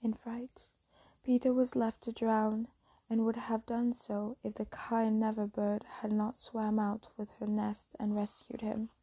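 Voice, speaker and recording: A woman telling a fairy tale as a soft, slow, whispered bedtime story reading. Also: a little high, monotone, husky, no room sound, rough recording.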